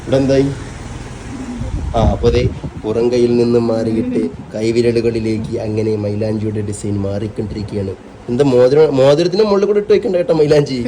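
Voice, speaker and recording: A man's voice: medium pitch, fairly even intonation, brisk, background noise. A man chatting casually to his viewers as he films his own family vlog, rambling and talking straight to the camera. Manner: teasing with family. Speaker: vlogger.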